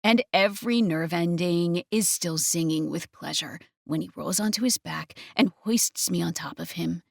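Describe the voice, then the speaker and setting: Gravelly woman reading romance in first person, intimate, dry close sound. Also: lowish voice, no echo. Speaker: audiobook narrator.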